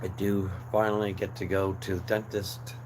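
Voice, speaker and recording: Speaking low and level at a moderate pace, this livestream host is a young New Jersey man chatting casually. His voice is going hoarse as he rambles, filling gaps and restarting sentences. There's noticeable background noise in the recording.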